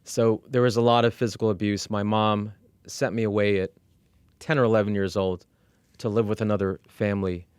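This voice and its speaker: A middle-aged man from Iran tells his own story as an interview guest. His voice sits low and sounds clear and smooth. He speaks in a measured way, with fillers and restarts. The recording is dry and close. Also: level tone, darkish tone, dry recording. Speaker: executive coach. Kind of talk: candid personal storytelling.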